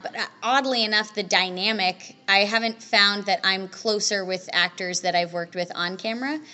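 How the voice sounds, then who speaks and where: Upbeat young actress chatting away at a con interview, bright voice. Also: female voice, mid-range voice, steady tone. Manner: chatty, upbeat, quick restarts. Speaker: voice and screen actress, interview guest. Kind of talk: casual interview chat. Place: convention interview room.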